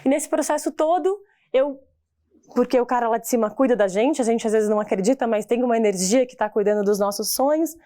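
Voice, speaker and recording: A woman's voice: on the high side, warm tone. A woman with a Brazilian Portuguese accent, a singer and voice teacher, telling her own life story in a heartfelt, reflective talk. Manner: heartfelt, reflective, pauses and restarts.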